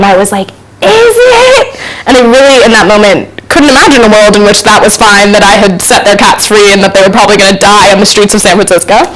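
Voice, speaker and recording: A woman's voice: medium pitch, low-quality recording. Young adult woman, casual anecdote, chatty, ums, laughing asides. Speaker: storyteller.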